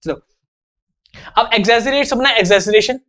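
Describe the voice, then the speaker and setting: A man's voice: very high voice, moderate pace, pushed and bright. A young man teaching an English vocabulary lesson in a chatty, joking way, acting out little examples.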